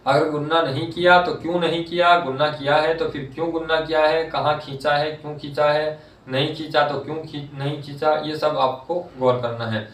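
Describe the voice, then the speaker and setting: A male Quran reading teacher, explaining the rules and reciting each word slowly and drawn out. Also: on the high side, fairly even intonation, a bit bright. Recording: roomy echo, mic at a distance.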